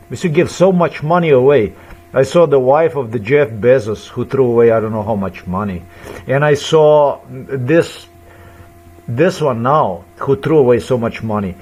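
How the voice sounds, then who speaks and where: A man's voice: medium pitch, darkish tone, breathy edge. A man in his fifties delivering an agitated, repetitive ranting monologue in broken, non-native English grammar. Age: 50s.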